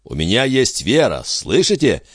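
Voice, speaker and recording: A man's voice: medium pitch, wildly swooping pitch, normal speed, slightly rough, dry recording, clean studio sound, pitched above the performer's own voice. Man doing a smug pompous schemer. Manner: pompous, sanctimonious. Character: smug pompous scheming husband, self-important.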